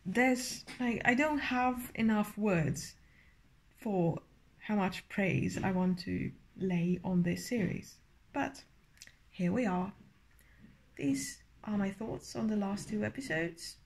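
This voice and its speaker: A woman's voice: medium pitch, slow, darkish tone. A tipsy woman giving a casual, rambling review, often searching for words and swearing now and then. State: tipsy from drinking. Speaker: video reviewer.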